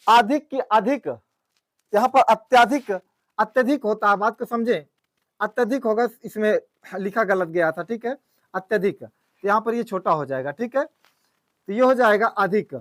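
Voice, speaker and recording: A man's voice: sits high, a bit bright, no echo. A man teaching a grammar class, explaining step by step and often checking that his students follow. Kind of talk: classroom lecture.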